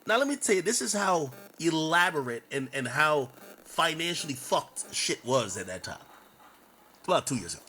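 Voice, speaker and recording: A man's voice: fairly high pitch, moderate pace, a little hiss or hum, rough recording. A man on a stream telling a long story in a casual, profane way, acting out what people said. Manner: animated, profane, acts out quotes.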